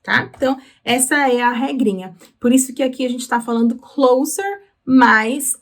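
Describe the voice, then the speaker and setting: A woman with a Brazilian Portuguese accent teaching English through song lyrics, explaining patiently and slowing down on words. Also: high-pitched, expressive. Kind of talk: explaining lyrics in a language lesson.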